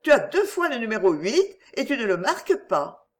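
A proud young woman with short, frank answers, read by a woman narrator. Her voice moves lively in pitch. Nothing soft about her. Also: normal speed. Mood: cool. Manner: terse, frank.

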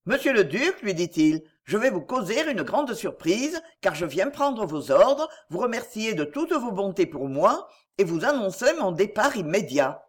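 A woman's voice: mid-range voice, sing-song, a little slow, few pauses, breathy edge. A woman voicing a troubled, grave doctor who speaks in a solemn, restrained and sorrowful way.

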